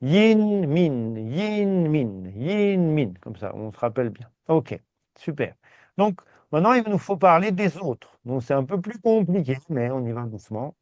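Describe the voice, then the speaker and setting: A man teaching a language class, reassuring his students and repeating words slowly. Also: a little high, very animated, dry recording. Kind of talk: patient step-by-step class. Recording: dull, dry sound.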